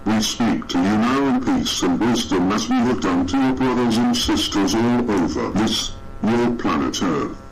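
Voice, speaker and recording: A man as a distorted, solemn alien envoy. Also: lowish voice. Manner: slow, solemn, measured delivery. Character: calm male alien envoy issuing a warning. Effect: distorted broadcast voice. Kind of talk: hijacked television broadcast message.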